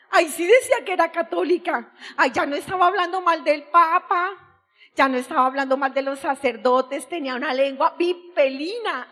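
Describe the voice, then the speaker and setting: A woman's voice: high-pitched, a bit bright. A middle-aged woman giving an impassioned, tearful religious testimony. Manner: impassioned, tearful, crying out at times.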